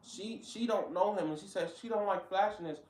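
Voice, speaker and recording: A man rants in blunt, profane bursts as he reacts to a clip. His voice sits somewhat high. The room around him rings with echo. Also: brisk, far from the mic, a loud crowd. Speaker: reaction commentator. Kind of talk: casual commentary.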